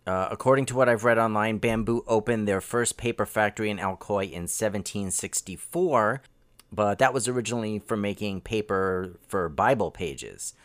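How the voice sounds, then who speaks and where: A man hosting an interview, laying out background and asking measured follow-up questions. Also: on the low side, no echo. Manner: measured, reads notes and asks follow-up questions. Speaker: podcast host.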